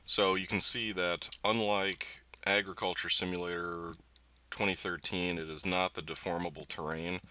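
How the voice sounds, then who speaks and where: A man's voice: low voice, level tone, moderate pace, smooth. A man with a voice affected by being sick gives casual let's play commentary as a gaming host, hesitant and thinking aloud. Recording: loud music behind voice. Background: game music and vehicle engine sounds.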